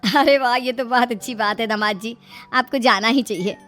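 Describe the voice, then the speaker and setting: High-voiced, emphatic mother-in-law, acted by a woman. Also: moderate pace, fairly bright tone, soft background music, natural voice. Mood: pleased, encouraging. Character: shrewd, caring middle-aged mother-in-law, fretting and scolding. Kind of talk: acted dialogue in a Hindi moral-story cartoon.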